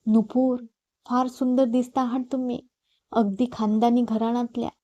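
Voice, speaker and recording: A dignified, fond older matriarch, as a female storyteller puts her on, speaking gently and with measure in an audiobook story. The tone is mellow and soft. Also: on the high side, level tone, moderate pace, no echo, lo-fi sound, close to an everyday voice.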